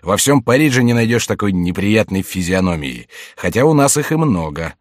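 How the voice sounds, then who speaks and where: A man's voice: lowish voice, animated, normal speed, no echo, studio quality, natural voice. A man voicing a bold, mocking young nobleman in a read-aloud classic novel. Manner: mocking, daring.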